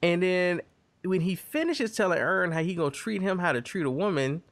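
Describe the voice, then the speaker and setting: A man's voice: high voice, moderate pace. A man hosting a podcast, casually reviewing a TV episode and acting out characters' quoted lines as he retells it. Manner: animated storytelling, acts out quoted lines. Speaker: podcast host.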